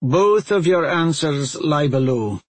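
A stern older witch gives orders with cold, impatient scorn, voiced by a man reading a storybook. The voice is husky and raised in pitch. The recording is close and dry. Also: expressive, slow pace, no echo. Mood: imperious.

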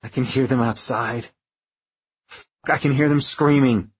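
Slow, husky, frightened young man. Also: mid-range voice, fairly even intonation, highs cut off. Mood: frightened, pleading. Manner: halting, shaky, despairing. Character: terrified young male lieutenant trapped on a stricken spaceship. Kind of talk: dramatized audiobook acting.

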